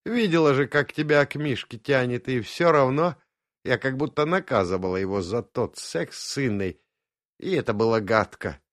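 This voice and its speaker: A man's voice: mid-range voice, lively intonation, moderate pace, dry recording, clean studio sound, voice pushed up, close to an everyday voice. A man voicing a remorseful young woman in an audiobook, sighing and self-reproaching.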